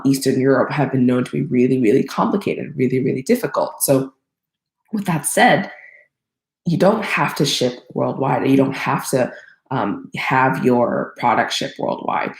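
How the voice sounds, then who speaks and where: Speaking at a measured pace in a creaky mid-range voice, a crowdfunding consultant from Thailand rambles through informal solo advice. Fillers and self-corrections abound, and the room echoes.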